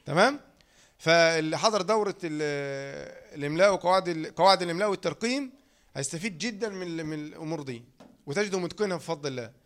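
A man's voice: a little high, fast talker, fairly bright tone. A man with an Egyptian accent teaching reading rules in a lecture, repeating key phrases and quizzing his listeners. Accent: Egyptian Arabic.

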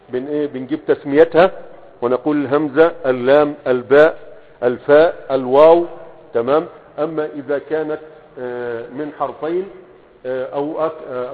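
A man with an Egyptian accent teaching Arabic grammar in a classroom lecture, often checking that students follow and answering his own questions. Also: a little high. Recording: tinny phone-like audio.

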